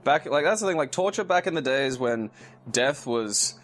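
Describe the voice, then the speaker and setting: A man's voice: mid-range voice, animated, normal speed, fairly bright tone, a little hiss or hum. A man playing through a game and commentating casually, laughing often and rambling through his explanations. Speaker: player.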